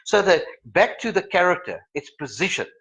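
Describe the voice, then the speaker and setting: Middle-aged man, trainer type, bright and lively delivery, acts things out. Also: high-pitched, moderate pace. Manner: animated, acts out examples in voices. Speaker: personality trainer. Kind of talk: live-streamed lesson. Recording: slightly muffled sound.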